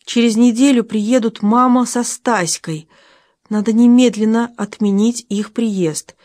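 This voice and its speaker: A woman reading first-person audiobook narration in an expressive, emotional way on a close studio mic. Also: on the high side, unhurried, no echo.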